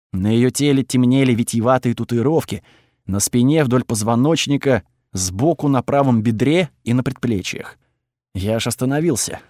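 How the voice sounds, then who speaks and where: Measured male narrator for first-person fantasy, mid voice, dry booth. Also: mid-range voice, a little mellow, no room sound. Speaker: audiobook narrator.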